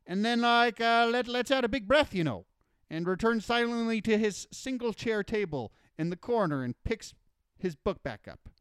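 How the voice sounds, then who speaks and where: A man on a podcast reading out a listener's story in a halting, filler-heavy way, full of "uh" and "you know.". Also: very high voice, lively intonation, fairly bright tone, clean tone, no room sound, studio quality. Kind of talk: casual podcast chat, dramatized story reading.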